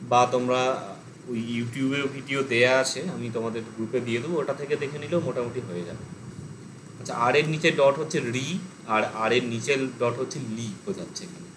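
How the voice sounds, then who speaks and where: A man's voice: mid-range voice, noisy background. A man teaching an online language class, explaining step by step, thinking aloud with fillers. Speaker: Pali teacher.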